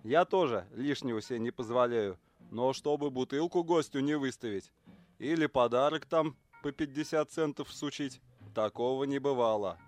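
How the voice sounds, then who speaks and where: A man reading the part of a calm police officer who thinks things over and speaks in a measured, reasonable way. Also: medium pitch, natural voice. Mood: pondering. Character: calm, pondering adult male cop partner. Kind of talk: audiobook character reading.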